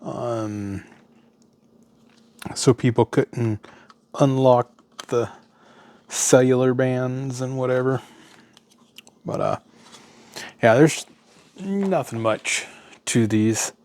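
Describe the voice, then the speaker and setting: Extremely slow and pausing often, a mid-range, darkish American male voice with no room sound offers casual, off-the-cuff commentary while tearing down electronics at an indoor bench. He mutters to himself in brief, trailing remarks. The home recording is clearly noisy, sometimes catching him off-mic.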